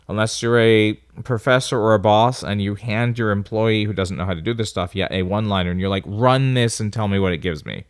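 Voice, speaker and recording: A man with a nasal, lowish voice talks casually through a coding tutorial as a screen-recording voice-over, thinking aloud as he types commands. His tone is fairly bright, and the studio recording is clean with no echo.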